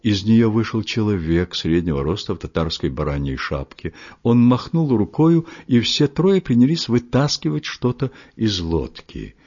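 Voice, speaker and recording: A man reading a literary story aloud in a measured, expressive storytelling manner, his voice husky. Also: on the low side. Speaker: audiobook reader. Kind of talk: literary audiobook narration. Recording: muffled lo-fi recording.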